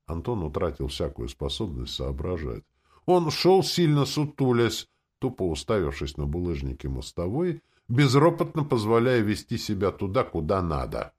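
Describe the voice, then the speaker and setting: A man narrates an audiobook in an expressive, dramatic style. His voice is deep and low, yet his pitch moves lively across a wide range.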